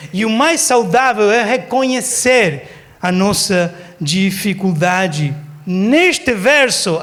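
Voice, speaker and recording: A man preaching a sermon in church, telling stories and acting out quotes for laughs. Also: sits high. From Argentina. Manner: lively storytelling, acts out quotes for laughs. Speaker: pastor. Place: church service.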